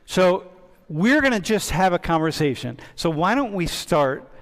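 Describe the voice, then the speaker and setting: A man teaching a university class as a relaxed, chatty professor who keeps breaking off and restarting. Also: high-pitched, unhurried. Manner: chatty, interrupts himself often. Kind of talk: casual classroom discussion. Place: large lecture hall. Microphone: wireless mic. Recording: reverberant lecture hall.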